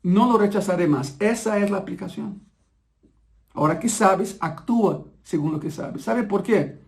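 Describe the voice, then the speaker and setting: A man preaching a sermon, emphatic and repeating key phrases slowly so the congregation absorbs them. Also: sits high, creaky.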